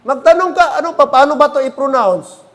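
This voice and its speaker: High-pitched man preaching. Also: animated, a little fast. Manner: preaching with frequent calls for "Amen?". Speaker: pastor. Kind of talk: sermon. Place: church.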